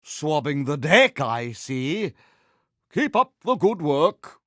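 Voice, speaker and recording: A villainous, self-adoring male pirate captain from a video game. His voice is high and wildly swooping, taken at a slow, savouring pace. He mixes mock-genteel grandeur with salty pirate slang, all very theatrical. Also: very animated, fairly bright tone, no room sound, clean studio sound, full character voice. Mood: smug, courtly.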